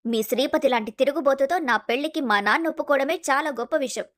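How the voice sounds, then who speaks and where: A woman's voice: high-pitched, fast, close to an everyday voice. A woman voicing a young daughter in a storybook, fierce toward her in-law and pleading in distress. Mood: scornful. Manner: pleading, emotional. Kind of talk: storybook voice acting.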